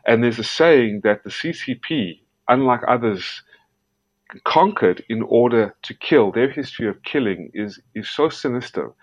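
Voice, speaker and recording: A man's voice: medium pitch, lively intonation, measured pace, no room sound. A man from South Africa, a guest investigative journalist, answering interview questions earnestly and emphatically, often stumbling and repeating words. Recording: dull, dry lo-fi sound.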